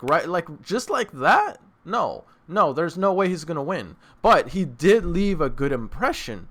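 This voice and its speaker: The host of an anime reaction channel rambles casually to his viewers, using informal slang and repeating himself for emphasis. His man's voice is on the high side and a bit bright.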